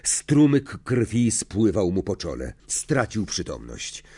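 Slow husky male audiobook narrator. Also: fairly low pitch, sing-song, a little mellow. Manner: slow, dramatic storytelling. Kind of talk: scripted narration.

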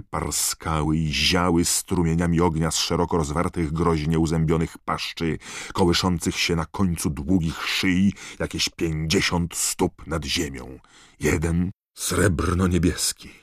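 Deep male audiobook narrator, dramatic and varied delivery, close and dry. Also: dry recording. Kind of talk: scripted narration.

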